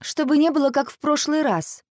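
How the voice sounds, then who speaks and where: A woman's voice: sits high, normal speed, no room sound, clean studio sound, voice pushed up, close to an everyday voice. A woman voicing a skeptical, demanding sparrow mother.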